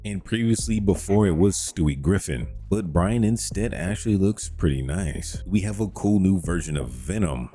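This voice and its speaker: A man's voice: sits low, lively intonation, moderate pace, few pauses, mellow. A man hosting a game mod showcase in casual narration, with a slangy, laid-back delivery. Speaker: video host reviewing game mods. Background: faint music.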